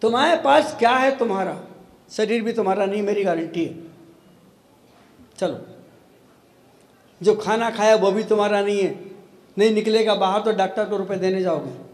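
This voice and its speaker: A man's voice: sits high, moderate pace, pauses often. A man, a monk, giving a sermon to an audience, teasing and challenging his listeners with rhetorical questions. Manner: challenging, teasing, rhetorical, mixes in English phrases. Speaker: Jain monk preacher. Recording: echoey hall with long reverb.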